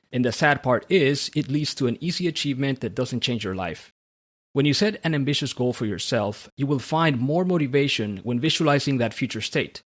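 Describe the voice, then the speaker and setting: A man from Central America, hosting a podcast in a measured, read-aloud manner. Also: mid-range voice. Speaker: podcast host. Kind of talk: scripted podcast monologue and interview.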